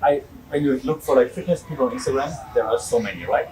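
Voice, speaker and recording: A man's voice: mid-range voice, fast talker, darkish tone, distant mic, rough recording. A man with a German accent hosting a podcast, chatting in a rambling way with frequent restarts and laughs. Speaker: podcast host. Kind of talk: casual interview chat.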